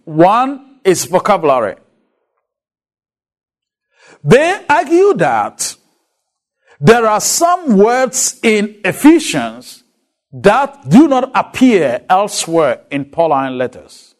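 Here a man from Ghana, whose first language isn't English, lectures on a Bible letter in a high-pitched voice with a Ghanaian accent. He poses rhetorical questions to the audience as he teaches.

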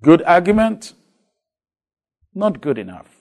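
A Ghanaian man, for whom English is a second language, lectures on a Bible letter in a Ghanaian accent and poses rhetorical questions to his audience. His voice is on the high side and darkish, very animated, though he speaks slowly.

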